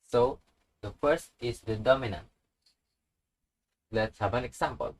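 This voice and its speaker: Male tutor, slow deliberate delivery, mid-pitched, patient and repetitive. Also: poor audio. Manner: patient, repeats each example word slowly. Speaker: language teacher.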